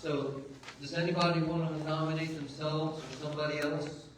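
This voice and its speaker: A man's voice: on the high side, moderate pace. A man chairing a community meeting, speaking casually with many fillers and restarts. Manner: relaxed, rambling with fillers. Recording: echoey room, mic far off, background noise.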